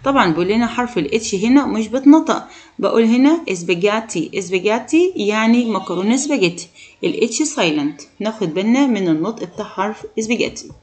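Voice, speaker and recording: A woman with an Egyptian Arabic accent teaching an English lesson to children, repeating each word slowly and asking the pupils questions. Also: mid-range voice, animated, darkish tone. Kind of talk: classroom lesson explaining vocabulary.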